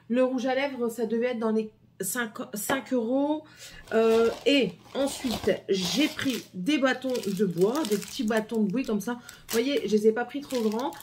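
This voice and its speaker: A woman's voice: on the high side, darkish tone, slight background noise. A middle-aged woman with a French accent, chatting casually through a haul video with many hesitations and repeats. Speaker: vlogger.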